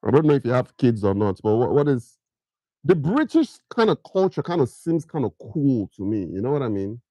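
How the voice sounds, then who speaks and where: With a mellow, sing-song, mid-range voice and a fairly quick pace, this middle-aged Nigerian man hosts a casual livestream in his Nigerian accent. He constantly quizzes viewers and lapses into pidgin; there's no echo.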